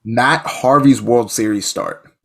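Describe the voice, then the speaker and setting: Excitable rambling man on a podcast. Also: medium pitch, takes it slowly. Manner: excitable, rambling, frequent restarts. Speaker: podcast co-host. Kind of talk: casual chat.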